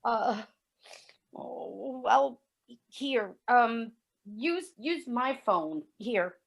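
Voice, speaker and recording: A woman's voice: a little high, expressive, drawn-out words, vocal fry, exaggerated voice. An actress playing a carefree young woman with a breezy, offhand manner in an amateur stage play.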